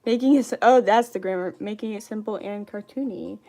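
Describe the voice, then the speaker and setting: A woman's voice: mid-range voice, a little fast, mellow. A young woman chatting on a livestream while writing a script, repeating phrases to herself as she works.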